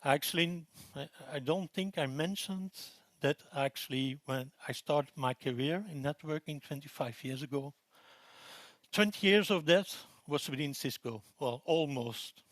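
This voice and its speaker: This is a man in his forties from Belgium, presenting at a technical conference. His voice sits somewhat high for a man and the sound is dry with no room echo. He talks in a relaxed way, with plenty of ums and restarts. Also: measured pace. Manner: relaxed, with frequent fillers and restarts.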